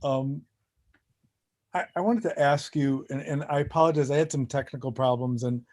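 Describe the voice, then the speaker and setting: A man's voice: mid-range voice, moderate pace, a little mellow. A man from Wisconsin asking a polite, apologetic question over a video call. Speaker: audience member asking a question.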